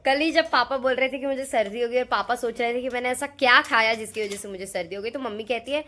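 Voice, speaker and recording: A woman's voice: a little high, fast. A young woman in college, chatting and teasing as she vlogs her family day at home on a phone camera. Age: young adult. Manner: chatty, teasing, animated storytelling. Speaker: vlogger. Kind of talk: casual family vlog.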